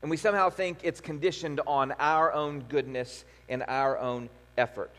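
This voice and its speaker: A man's voice: a little high, steady tone, moderate pace, fairly bright tone. A man preaching a sermon, retelling a story and posing rhetorical questions to his listeners. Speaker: pastor. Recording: long hall reverb.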